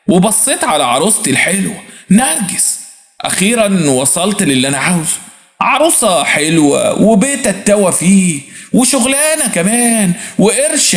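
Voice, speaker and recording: Lively Egyptian man telling a story. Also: a little high. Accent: Egyptian Arabic. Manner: expressive, vivid colloquial narration. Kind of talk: first-person dramatic story narration. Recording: roomy echo.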